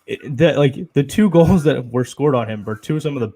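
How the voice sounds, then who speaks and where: A man's voice: medium pitch, a little fast, dark tone. A young man co-hosting a casual sports chat show, rambling and opinionated with lots of fillers. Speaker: podcast co-host.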